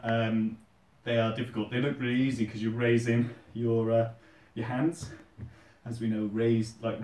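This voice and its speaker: A man's voice: mid-range voice, darkish tone. Male British fitness vlogger, informal chat during push-ups, recorded at a distance in a roomy, echoing space. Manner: chatting while doing push-ups, exerting himself. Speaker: host of a fitness challenge video. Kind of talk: casual workout vlog chat. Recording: roomy echo, distant microphone.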